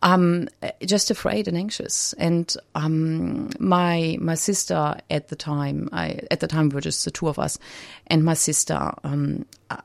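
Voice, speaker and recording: This radio studio guest from Germany recounts her personal story hesitantly, full of fillers and restarts. She has a low voice with vocal fry, flat delivery and a measured pace with few pauses, captured on a studio microphone with no room sound.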